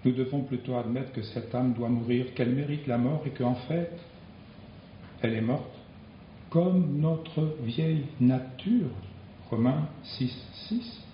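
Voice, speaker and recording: Slow, deliberate preacher man. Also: medium pitch, roomy sound, muffled recording, slight background noise. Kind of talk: sermon.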